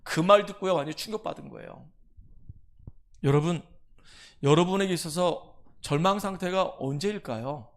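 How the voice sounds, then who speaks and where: A middle-aged man preaching a Sunday sermon in a church. He swings from loud pleading to hushed, intimate tones and acts out the voices of the people in his stories. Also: sits high, normal speed, pauses often. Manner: acts out quoted voices in dialogue. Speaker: pastor. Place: church sanctuary.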